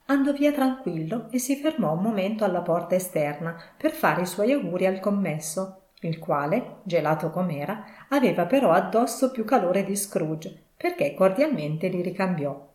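Woman narrating a classic tale, lowish voice. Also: normal speed, few pauses. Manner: steady, literary storytelling. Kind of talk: scripted audiobook narration. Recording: roomy echo.

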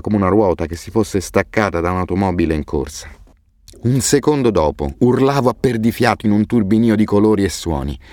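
Deep-voiced male audiobook narrator. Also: no echo, studio quality. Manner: expressive, measured storytelling. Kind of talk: scripted narration.

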